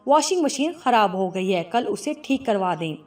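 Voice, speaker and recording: A woman voicing a timid, soft-spoken young bride in a storybook, her lines read gently. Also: mid-range voice, animated, distant mic, natural voice. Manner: soft, hesitant storybook dialogue.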